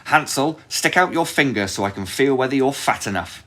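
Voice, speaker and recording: A man voicing a cunning, cruel old witch in a storybook reading, with a shrill, commanding manner. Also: lively intonation, normal speed, fairly bright tone. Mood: harsh.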